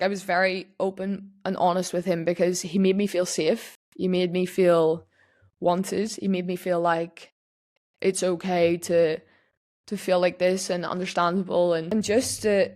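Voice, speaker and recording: A woman's voice: lowish voice, level tone, normal speed, a little mellow. A young woman talking frankly and casually on a podcast, with lots of restarts and "like" fillers. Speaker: podcast host. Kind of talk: candid personal podcast talk.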